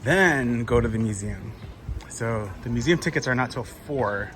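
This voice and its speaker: Coming down with a cold and slightly hoarse, a male travel vlogger narrates a casual walking tour into a handheld camera on city streets, with busy traffic noise clearly behind him. His middling-pitched, fairly bright voice is unhurried as he rambles, thinking aloud with plenty of fillers.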